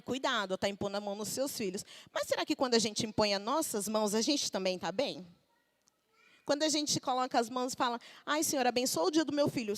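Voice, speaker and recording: A Brazilian woman in her thirties preaching a sermon at a church service, talking conversationally with the congregation and acting out everyday quotes. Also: fairly high pitch. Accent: Brazilian Portuguese.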